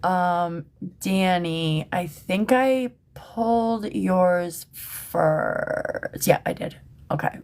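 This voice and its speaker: A woman's voice: fairly low pitch, extremely slow, darkish tone. A woman talking casually to her livestream viewers from the shop where she works, chatty and emphatic, often checking in with "okay?" and "right?". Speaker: tarot reader and livestream host. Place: at work in a shop. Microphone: phone livestream.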